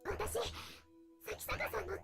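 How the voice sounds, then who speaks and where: A woman voicing a gentle, earnest schoolgirl in a game, speaking softly, politely and hesitantly. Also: very high-pitched, moderate pace, creaky, over music, heavily acted. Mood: pleading. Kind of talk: anime game voice acting.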